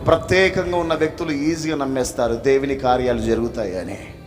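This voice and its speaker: A man preaching a revival sermon, telling a testimony and acting out the dialogue, calling the crowd to shout hallelujah. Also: mid-range voice, a little fast. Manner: acts out dialogue in storytelling. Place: revival meeting in a village. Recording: music playing behind the voice.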